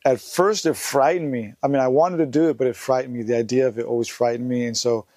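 A man's voice: mid-range voice, darkish tone, no echo. A young man, telling a story in a casual, rambling, slangy way. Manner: laid-back, rambling, slangy. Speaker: vlogger.

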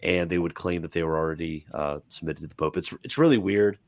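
A man with a hoarse voice, chatting casually and explaining at length in a group talk. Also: low voice, a little fast, no room sound. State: hoarse, coughing.

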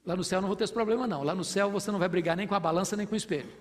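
A man's voice: sits high, rapid-fire. A man preaching an expository sermon, teaching with rhetorical questions and building to fervent proclamation.

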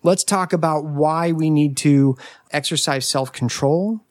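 Man, forties, podcast guest, animated storyteller, fairly high voice, dry sound. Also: unhurried, dry recording. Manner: animated, acts out family quotes. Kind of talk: casual storytelling.

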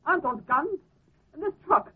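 An actress playing a sharp-witted, wisecracking secretary who needles briskly, in 1940s radio style on a tinny recording. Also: female voice, high voice, animated. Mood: triumphant needling.

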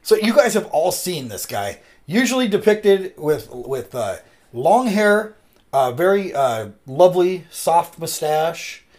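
A man's voice: on the high side, slow. A man hosting a podcast, talking casually with a rambling, filler-filled delivery. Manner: rambling, filler-heavy, animated. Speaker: podcast host. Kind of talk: casual chat.

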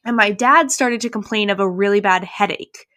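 Speaking at a moderate pace in a mid-range voice, a young woman co-hosting a podcast launches into an animated story. The conversation is casual, and her talk is peppered with "like" and "literally."

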